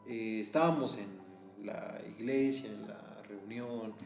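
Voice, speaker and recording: A man's voice: fairly low pitch, slow. Mexican man telling a spooky story. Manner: animated, laughs often, frequent "¿no?" tags. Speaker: podcast guest teacher. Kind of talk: casual storytelling. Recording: echoey room, faint music.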